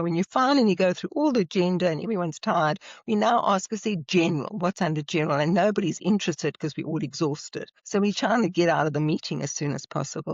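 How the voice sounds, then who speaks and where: A woman's voice: fairly low pitch, no echo. A woman with a South African accent, a leadership trainer explaining her methods earnestly in an interview. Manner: earnest, explanatory, now and then laughing. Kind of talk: interview conversation. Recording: slightly muffled, dry audio.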